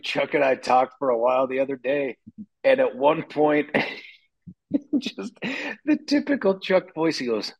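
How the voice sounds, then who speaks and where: A man's voice: mid-range voice, lively intonation, unhurried, vocal fry, slightly rough, low-quality recording. A man appearing as a candidate on a talk radio show, explaining himself animatedly and laughing at times. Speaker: political candidate guest.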